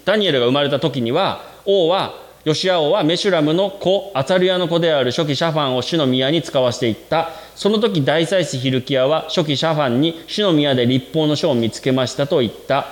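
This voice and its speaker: A man preaching a sermon to his congregation, speaking to them directly. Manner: animated, addresses the congregation directly; acts out quoted voices with sudden jumps in pitch. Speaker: pastor.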